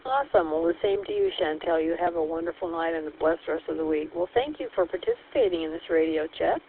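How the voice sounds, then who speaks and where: A woman with a low, slightly rough voice speaks quickly while running on-air radio check-ins as net control host. She works through call signs cheerfully and formally, heard over a two-way walkie-talkie. The signal is tinny and narrow, carrying a faint hiss.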